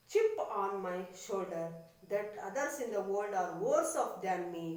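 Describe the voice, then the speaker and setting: A woman teacher, talking to children in a lesson, reading English lines and then explaining them quickly. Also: fairly high pitch, heavy reverb. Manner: addresses children, repeats lines for emphasis. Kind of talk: classroom lesson explaining a text.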